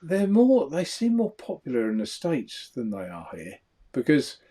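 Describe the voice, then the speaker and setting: A man's voice: mid-range voice, huge pitch swings, measured pace, warm tone. A man co-hosting a casual live vape show, reading out viewer comments and laughing often. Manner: chatty, laughs often, trails off into mumbles.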